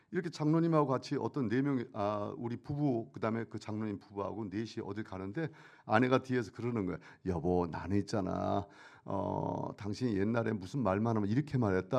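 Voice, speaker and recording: A middle-aged man stands as a church elder and gives his testimony in a very lively, rising and falling voice. He jumps from loud, pressing bursts to hushed asides. He often asks a question and answers it himself. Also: medium pitch. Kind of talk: testimony sermon.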